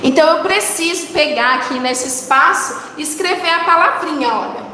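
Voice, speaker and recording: A woman's voice: high voice, normal speed, sharp tone. A woman with a Brazilian Portuguese accent teaching a recorded lesson for children, coaxing them along by asking questions and answering them herself. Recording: echoey room with long reverb, faint noise.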